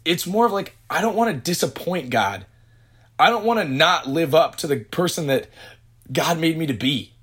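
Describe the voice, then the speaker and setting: A man's voice: fairly high pitch, moderate pace, husky. Man rambling through casual faith chat. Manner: rambling, restarts often, animated retellings. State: hiccups. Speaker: podcast co-host.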